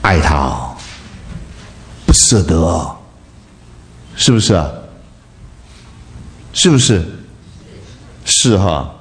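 Male preacher, sermon, animated, rhetorical questions, pitch leaping up and down. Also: very slow, long pauses.

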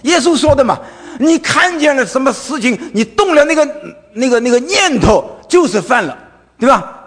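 A man's voice: very high-pitched, very animated, moderate pace, a bit bright. A man with a Wu-delivering a sermon, firing off rhetorical questions tagged with "right?" and stammering over repeated fillers. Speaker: preacher. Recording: long hall reverb.

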